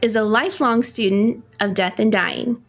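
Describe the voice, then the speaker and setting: A woman co-hosting a podcast, reading a guest introduction in a steady, scripted way. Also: a little high, moderate pace, faint music behind. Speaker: podcast co-host.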